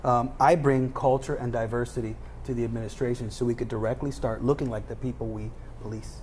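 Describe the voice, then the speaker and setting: A man's voice: medium pitch, steady tone, fairly quick, darkish tone, a little hiss or hum. Earnest male sheriff candidate. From United States. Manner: earnest, lists his credentials plainly. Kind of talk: campaign pitch in interview.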